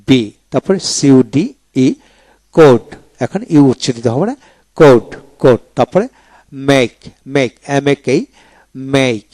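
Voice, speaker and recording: A man with a Bengali accent teaching English pronunciation in a video lecture. He spells each word letter by letter and repeats it slowly. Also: mid-range voice, dark tone, no echo.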